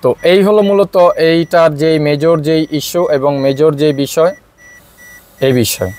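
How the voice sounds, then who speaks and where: A man's voice: fairly high pitch, moderate pace, a little mellow. A man with a Bangladeshi accent, a car mechanic explaining a fault while he works, with many filler sounds. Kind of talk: workshop demonstration.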